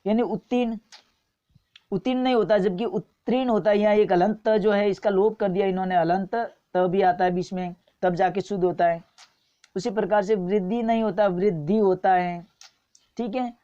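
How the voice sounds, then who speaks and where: A woman's voice: mid-range voice, mellow, lo-fi sound. A woman teaching a spelling lesson for exam students, patiently repeating each wrong and right form. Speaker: Hindi grammar teacher.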